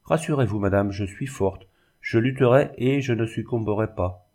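A man's voice: fairly low pitch, moderate pace, darkish tone. A man voicing a proud, resolute young woman in an audiobook reading, speaking with fervent firmness. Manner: fervent, pleading, firm.

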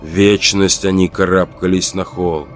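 A man reading a horror audiobook in a measured, dramatic narration. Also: sits low, steady tone, music in the background.

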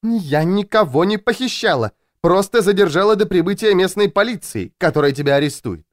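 A man voicing a frazzled, jumpy woman who feels hunted, speaking in a high, plaintive, complaining tone. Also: expressive, a little fast, no room sound, clean studio sound. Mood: stubborn.

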